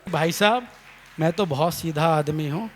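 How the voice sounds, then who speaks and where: A man performing as a comic poet, telling a funny story loudly on stage and calling for applause. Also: a little high, unhurried, very noisy. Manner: loud animated stage delivery, calls for applause. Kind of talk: comic storytelling at a poetry recital. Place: stage at a live recital. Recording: reverberant hall sound.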